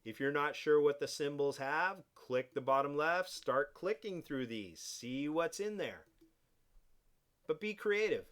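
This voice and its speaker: A man teaching a design class, walking students through software steps in a relaxed, explaining way. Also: a little high, unhurried, clear, resonant tone. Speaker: design instructor. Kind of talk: software tutorial.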